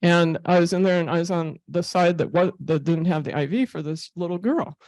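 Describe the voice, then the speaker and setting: A woman's voice: on the low side, fairly quick, darkish tone, no room sound. A woman giving a casual talk with slides as a therapy animal volunteer, a chatty storyteller who laughs often and uses many fillers.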